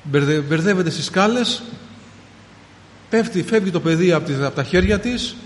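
A man in his thirties preaching a personal testimony, calling his listeners brothers and rising into fervent, shouted prayer. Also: high-pitched, lively intonation, slight background noise. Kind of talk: sermon testimony. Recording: long hall reverb, faint ambience.

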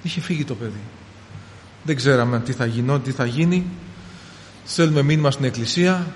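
A man in his thirties preaching a personal testimony, calling his listeners brothers and rising into fervent, shouted prayer. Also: fairly high pitch, a little hiss or hum. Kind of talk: sermon testimony. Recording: long hall reverb, faint ambience.

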